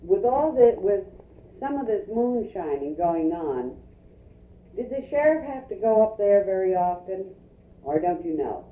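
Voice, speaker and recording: Female interviewer, informal questioning, animated intonation, roomy and faintly noisy field recording. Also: mid-range voice, unhurried. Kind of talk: informal oral history questioning. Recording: tinny, roomy, distant, noisy field tape.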